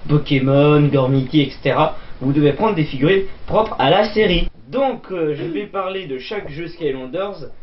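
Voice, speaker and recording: A man's voice: fairly high pitch, lively intonation, normal speed, hardly any pauses, slight background noise. A man hosting a comedic toy-figure show as a goofy mock presenter, jokey and brusque. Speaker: host. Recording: muffled lo-fi recording.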